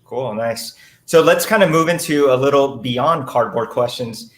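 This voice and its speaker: A man's voice: mid-range voice, moderate pace, a bit bright. A man with a mid-range voice co-hosting a casual interview. He keeps things easygoing and tosses in jokes as he moves through the questions. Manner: easygoing, joking. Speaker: co-host. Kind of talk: casual chat.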